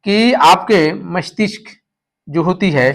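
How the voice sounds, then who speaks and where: Man, high voice, classroom lecture, storytelling teacher, repeats key terms. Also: expressive, slow, creaky.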